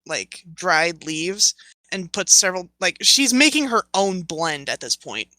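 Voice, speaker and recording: A woman game master narrates the scene of a tabletop game. She talks slowly and hesitantly, full of fillers as she searches for words. Her tone is bright, and the recording is dry and close. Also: lowish voice, animated, no room sound.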